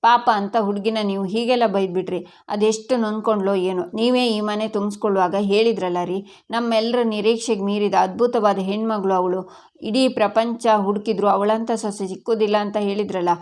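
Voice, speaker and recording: Woman reads firm middle-aged matriarch, reproachful and arguing, even pitch. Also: fairly quick, natural voice. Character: middle-aged mother-in-law, firm defender of family.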